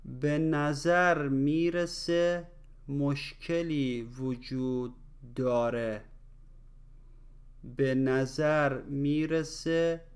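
Smooth-voiced man drilling phrases slowly. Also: mid-range voice, darkish tone. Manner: repeats each phrase slowly in pieces, then at full speed. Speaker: language teacher. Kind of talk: slow phrase-by-phrase language drill.

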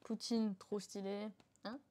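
A woman's voice: medium pitch, little pitch movement, takes it slowly, a crowd in the background. A woman with a French accent, chatting casually on a live stream and bantering with her co-host. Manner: laughing, bantering.

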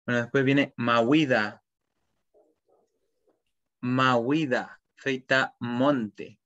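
Male teacher, slow and patient, repeats each word, dull lo-fi call sound. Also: mid-range voice, steady tone, a bit bright. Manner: slow, repeats each word twice, then gives its meaning. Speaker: language teacher. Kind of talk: online vocabulary class. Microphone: video call.

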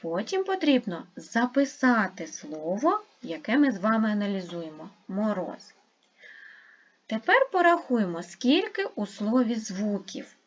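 A woman teaching an online lesson to young pupils, speaking slowly and carefully as she spells out sounds and syllables. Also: mid-range voice, big pitch swings, dull audio. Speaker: primary school teacher.

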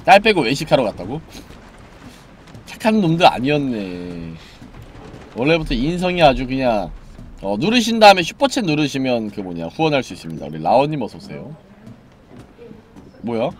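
Animated Korean-speaking male game streamer. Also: medium pitch, normal speed, pauses often, a little hiss or hum. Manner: joking, swings between mumbling and excited yelling. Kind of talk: live-streamed horror game commentary.

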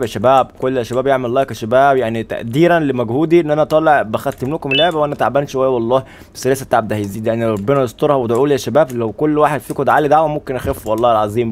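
A young man with an Egyptian Arabic accent doing joking, chatty let's play commentary, constantly talking to his viewers. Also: medium pitch. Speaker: gaming YouTuber. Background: game music.

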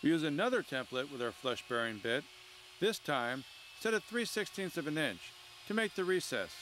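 A man narrates the steps of a woodworking project in scripted voice-over. His pitch sits a little high and moves very expressively, while the delivery stays measured and instructive. A faint noise runs under the recording. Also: sing-song, fairly bright tone. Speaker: show host narrating.

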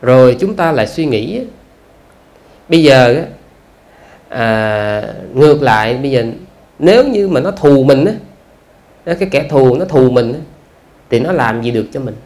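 A man, a Buddhist monk with a Southern Vietnamese accent, giving a conversational dharma talk full of rhetorical questions and drawn-out "à" fillers. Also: medium pitch, lively intonation, a little mellow.

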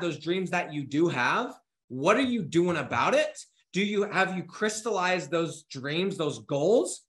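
Male, 30s, business coach, punchy motivational delivery, casual swearing; bright edge, roomy echo. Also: a little high. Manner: energetic, urgent, swears casually; gestures a lot with his hands while talking. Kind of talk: motivational talk to camera. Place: home office with bookshelves.

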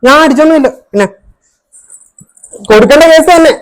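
A man filming a casual home prank for a family vlog, talking urgently and reassuring again and again, sometimes hushed. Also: very high voice, fairly quick. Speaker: family vlogger pulling a prank.

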